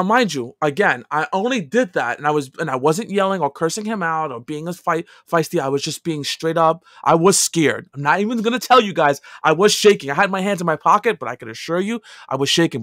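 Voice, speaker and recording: A man in his thirties, a podcast co-host, telling a story in casual chat, animated and swinging from loud outbursts to quiet asides. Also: fairly high pitch, fast talker, hardly any pauses, no echo, clean studio sound.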